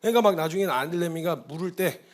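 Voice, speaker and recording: A man's voice: on the high side, very fast. A man giving a conversational testimony sermon as a missionary preacher, in an earnest, confessional storytelling way. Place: church hall.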